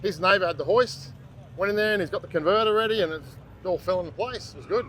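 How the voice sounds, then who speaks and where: A laid-back man in casual on-camera chat, chatty and trailing off. He has a notably high-pitched speaking voice and talks outdoors beside a car. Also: fast talker, fairly bright tone, slight background noise, low-quality recording. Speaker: race team member.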